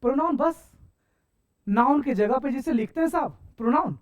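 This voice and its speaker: A man's voice: extremely high pitch, lively intonation, muffled recording. A man teaching an English grammar lesson, asking his students questions and answering them himself, calling them sir. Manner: keeps addressing listeners as sir and saahab; stretches out English example sentences slowly.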